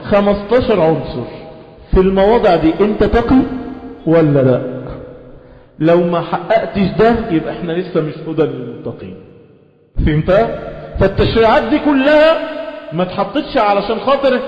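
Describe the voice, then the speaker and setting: High-voiced Egyptian man teaching in echoey hall. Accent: Egyptian Arabic. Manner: switches between dialect explanation and slow Quran recitation; lively, rhetorical questions to listeners. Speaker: religious teacher. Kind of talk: Quran lesson. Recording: echoey hall, muffled lo-fi sound.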